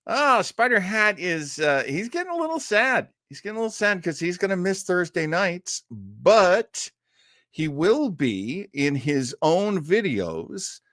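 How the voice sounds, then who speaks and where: An actor keeps his live online show casual, joking with viewers and chuckling regularly. He speaks in a high-sitting, very animated voice with a fairly bright tone, unhurried, in clean studio sound free of echo.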